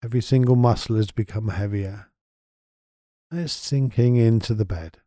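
A man guiding a sleep meditation, talking softly, slowly and soothingly. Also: medium pitch, no echo, studio quality. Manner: soft, slow and soothing. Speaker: meditation guide.

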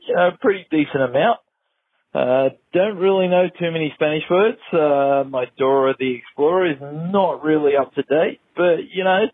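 A man's voice: on the high side, husky, dry recording. A tipsy man with an Australian accent leaving a rambling, laid-back voicemail over a landline phone. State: tipsy after many beers. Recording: tinny phone-line voicemail.

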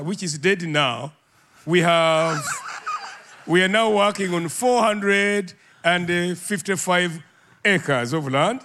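An older man from Uganda telling a story in an interview, animated and laughing often. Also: high voice. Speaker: guest, ministry leader.

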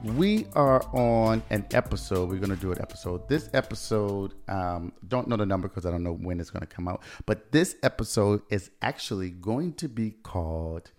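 A man's voice: on the low side, expressive, moderate pace, hardly any pauses, darkish tone, soft background music. A young man hosting a casual podcast chat, laid-back and chatty, laughing often as he tells stories. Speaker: podcast host.

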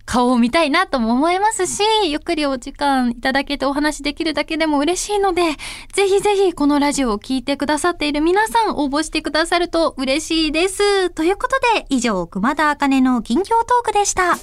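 Bubbly high-voiced woman radio host. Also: no room sound. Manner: bubbly and animated, quick to laugh. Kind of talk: casual radio talk, reading listener mail.

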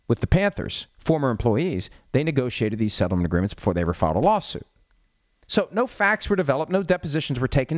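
A man's voice: on the high side, no room sound. A middle-aged man talks through a sports story as a talk-show host. He is casual and wry and breaks legal points down plainly. The mic is close and dry with a slightly dull, lo-fi sound.

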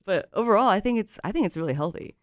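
Young woman musician from Japan, anxious rambler, smooth voice, dry sound. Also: medium pitch, lively intonation, fast, dry recording. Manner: rambling, filler-heavy, laughs often. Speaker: musician guest. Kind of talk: casual chat.

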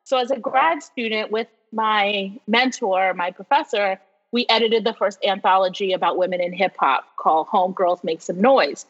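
A woman from New York in her forties, a professor telling stories as an interview guest in an animated way, laughing often. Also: mid-range voice, normal speed. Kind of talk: casual storytelling interview. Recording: dull lo-fi sound with long reverb.

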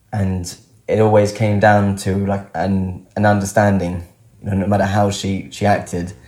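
Disguised deep voice of a young man. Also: mellow, roomy sound. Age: late 20s. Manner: reflective, halting, searching for words. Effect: voice disguised, altered deep to hide identity. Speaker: guest telling his own story. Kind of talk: candid personal account.

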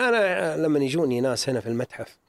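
A man's voice: fairly high pitch, sing-song, quick pace. A middle-aged man with a sore throat, telling stories earnestly in a casual interview as a museum owner. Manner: earnest, storytelling, repeats himself for emphasis.

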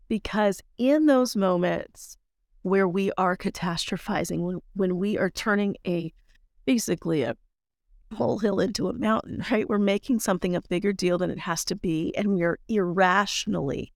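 A woman's voice: mid-range voice, vocal fry, no echo. Emphatic woman coaching on a podcast, dry sound. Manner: emphatic, repeats key phrases, speeds up and slows down to stress words. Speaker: podcast host and life coach. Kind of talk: motivational coaching podcast talk.

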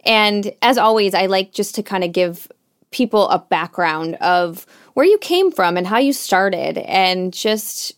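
A woman's voice: mid-range voice, lively intonation, smooth. Eager woman podcast host in her forties. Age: 40s. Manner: warm, eager and encouraging, quick reactions. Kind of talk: casual interview chat.

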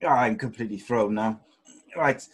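A man's voice: on the low side, normal speed, slightly rough. A man from Wales hosting a podcast in casual, teasing, matey sports chat. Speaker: podcast host.

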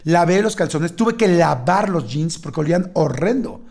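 A man's voice: fairly high pitch, normal speed. A middle-aged man with a Mexican accent, telling a story in casual chat and acting out the other people's lines. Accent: Mexican Spanish. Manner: animated storyteller acting out dialogue.

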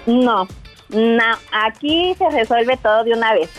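A woman's voice: fairly high pitch, lively intonation, unhurried, music in the background. A woman calling in to a radio show, cheerful and eager. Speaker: caller. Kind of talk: phone-in call.

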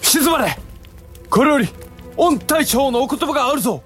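A man playing a samurai herald, a general's younger brother, proclaiming loudly like a town crier in a period drama. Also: very high voice, expressive, normal speed, soft background music. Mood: commanding. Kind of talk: period audio drama acting.

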